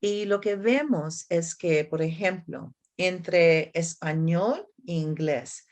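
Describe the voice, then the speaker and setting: An academic expert from the United States gives explanatory answers in a conference discussion, her voice fairly low and darkish. She talks slowly and haltingly, hunting for words in a second language. She frequently looks for agreement with tag questions.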